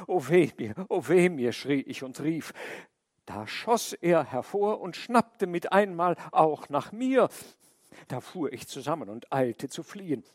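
A man's voice: a little high, no echo, clean studio sound, heavily acted. A man voicing a talkative male crow who pleads his grief before a king in a storybook reading. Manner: wailing, pleading lament.

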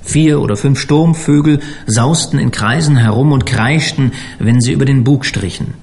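A man reading a story aloud as an audiobook narrator, expressive and measured. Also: mid-range voice, vocal fry. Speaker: audiobook reader. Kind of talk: scripted narration.

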